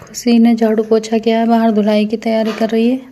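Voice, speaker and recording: A woman's voice: a little high, completely flat delivery, fairly quick, dark tone, a little hiss or hum. A woman narrating a casual family vlog at home, chatting to viewers as friends while feeling unwell. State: unwell, tired. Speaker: family vlogger.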